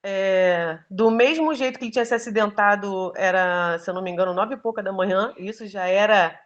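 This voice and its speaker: A woman's voice: mid-range voice, fairly quick, lo-fi sound. A woman giving an earnest, emotional personal testimony, telling her story with many fillers. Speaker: testimony giver.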